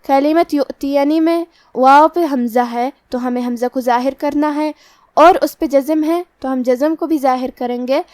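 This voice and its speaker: A woman with a high, light voice walks through the rules of recitation in a calm, methodical teaching tone. She pauses to chant each example slowly and stretches the sounds out. The recording is close and dry, with no room sound. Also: no room sound. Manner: methodical and explanatory, slow drawn-out recitation of examples. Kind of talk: tajweed lesson, explaining rules then reciting slowly.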